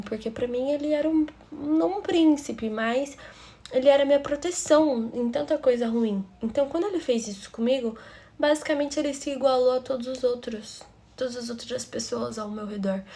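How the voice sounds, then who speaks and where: A woman's voice: on the high side, darkish tone, slight background noise. A woman with a Brazilian Portuguese accent narrating a personal story for her channel in a confiding, emotional way.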